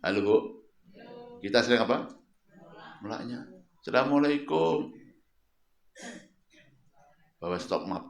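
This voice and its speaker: A man preaching a sermon at home, telling a story with lively questions to his listeners. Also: mid-range voice, measured pace, gravelly, long pauses. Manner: lively storytelling, questions the audience and repeats words. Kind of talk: sermon to a local congregation. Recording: roomy echo.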